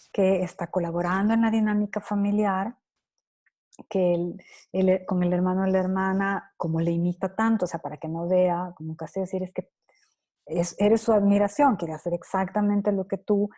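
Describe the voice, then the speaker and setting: A woman in her thirties answering parenting questions at a conference, chatting casually and acting out little dialogues with children. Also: on the low side. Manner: laughs easily, lively quoting. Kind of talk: conference Q&A talk.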